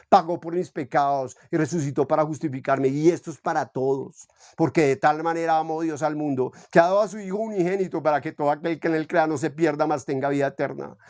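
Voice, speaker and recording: Impassioned man leading a Bible study sermon, fairly high pitch, dry close recording. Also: a little mellow, no echo. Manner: fervent, with repeated rhetorical questions.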